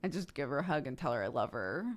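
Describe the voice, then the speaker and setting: A young woman streamer chatting casually, laughing often and tagging her stories with quick "right?" asides. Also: rumbling low, expressive, soft background music. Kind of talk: casual chat.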